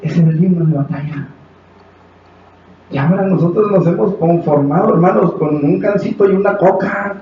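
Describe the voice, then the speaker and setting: A man with a Mexican Spanish accent preaching a sermon as pastor, impassioned, acting out quotes and rising to shouts. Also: high-pitched, normal speed. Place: church hall. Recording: echoey hall from far off, dull, faint hiss.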